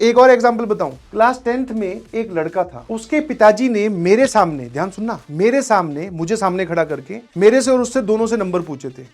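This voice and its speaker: High-voiced man teaching, telling stories. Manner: storytelling, conversational, mixing English phrases. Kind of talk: motivational talk to students.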